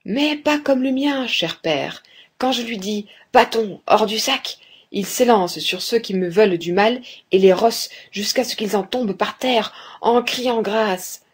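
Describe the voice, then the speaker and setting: Fairy-tale young man, a turner, calm and confident, read by a woman; unhurried, breathy. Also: fairly high pitch. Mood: explaining.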